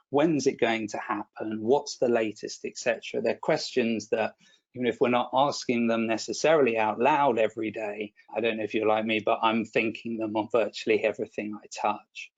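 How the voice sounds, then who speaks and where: A man's voice: on the low side, fairly even intonation, normal speed, muffled recording. A man presenting a product webinar in a chatty, self-deprecating way, often restarting and repeating words.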